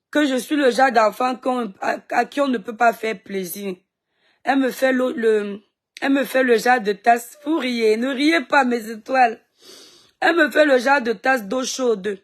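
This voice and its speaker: A woman's voice: fairly high pitch, unhurried. A woman from Cameroon chatting on a phone live stream, greeting viewers by name and talking back at critics, with a sore throat.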